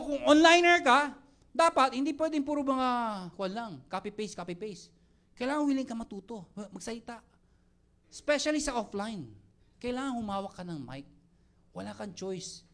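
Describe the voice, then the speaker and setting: A young man giving a lively motivational talk to a live audience, joking and quizzing the crowd as he mixes Tagalog and English. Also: very high-pitched. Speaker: mentor speaking to network marketing team.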